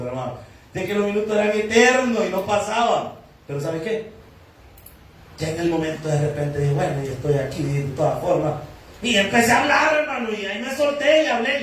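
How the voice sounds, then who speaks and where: A man's voice: high voice, a little hiss or hum. A man, preaching a sermon and telling a personal story, acting out the dialogue with voices. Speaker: pastor. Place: church hall. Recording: echoey hall, distant from mic.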